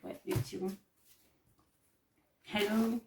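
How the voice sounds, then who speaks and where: A woman vlogger casually showing off her craft shopping haul, chatty and hesitant, often pausing on fillers as she describes each item. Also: medium pitch, little pitch movement, gravelly, distant mic, noisy background. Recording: echoey room, voice off-mic.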